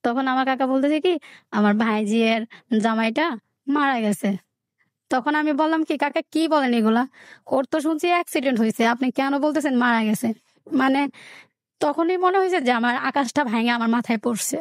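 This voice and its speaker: A young woman from Bangladesh tells her own life story on a radio call-in show, high in pitch for a woman. She talks in plain, colloquial words and quotes the people around her. The sound is close and dry, with no room around it. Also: a little fast, no echo. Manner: plain spoken, colloquial village speech, quoting relatives. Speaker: caller sharing a life story.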